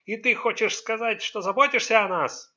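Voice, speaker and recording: A man's voice: sits high, animated, fairly quick, bright, forceful tone, muffled recording, pitched above the performer's own voice. A man doing a sullen, defiant teenage son. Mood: defiant shouting. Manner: raised, resentful outbursts.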